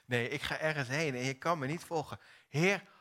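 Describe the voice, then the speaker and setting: A man's voice: fairly high pitch, moderate pace, pushed and bright. A man voicing an impulsive male fisherman disciple who blusters and denies in a retold story from the pulpit. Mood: boastful. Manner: blustering denials, later broken.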